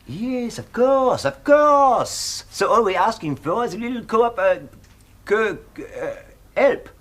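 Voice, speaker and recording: A smooth, teasing French casino manager with a put-on French accent. His voice sits a little high and swoops lively, mock-polite as he probes the guests in a 1970s TV mystery. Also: a little slow, exaggerated voice. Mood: polite probing. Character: suave male French casino manager, inquisitive. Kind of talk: 1970s TV whodunnit acting.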